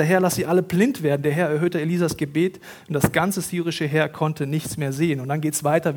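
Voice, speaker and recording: A middle-aged man preaching a sermon in a casual, slangy way, talking straight to the congregation and acting out quotes with sudden loud rises. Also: a little high. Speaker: pastor.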